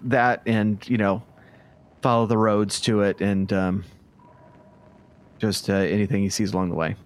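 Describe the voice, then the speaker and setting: A man playing a tabletop game in casual chat, halting and stammering as he restarts his sentences. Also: fairly low pitch, steady tone. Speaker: player.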